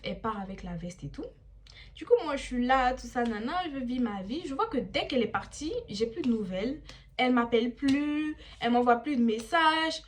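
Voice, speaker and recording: A woman, telling a personal story in a lively vlog style. She acts out the quotes and drops bits of English slang as she goes. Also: on the high side. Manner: animated, dramatizes quotes, slips into English slang. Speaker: vlogger. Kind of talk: casual storytime.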